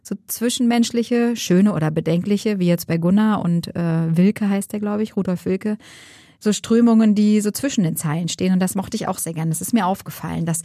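A woman talks about novels with her co-host in relaxed conversation, musing and circling her thoughts with frequent tag questions. Her voice sits at a middle pitch and the sound is dry and close, with no room around it. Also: fairly quick, dry recording. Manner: musing, thinks aloud with many tag questions. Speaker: book podcast co-host. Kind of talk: casual book discussion.

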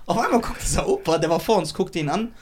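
A young man telling a story in casual podcast chat, excitable and acting out the voices of others. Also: high-pitched, quick pace. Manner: excitable, acts out quoted voices. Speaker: podcast host.

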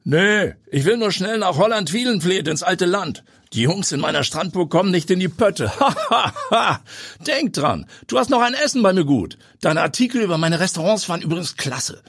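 A man's voice: high-pitched, sing-song, a little fast, hardly any pauses, fairly bright tone, breathy edge, no echo, clean studio sound, voice pushed up, exaggerated voice. A man voicing a jovial, boastful middle-aged star chef who talks in a chummy, laughing way. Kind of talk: audiobook character voice.

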